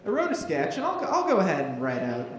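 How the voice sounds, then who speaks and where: A man's voice: fairly high pitch, wildly swooping pitch, quick pace, a little hiss or hum. A man hosting a live comedy show, rambling and self-mocking as he reads out scene directions. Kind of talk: live stand-up show banter. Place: live venue with audience. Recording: echoey live venue room.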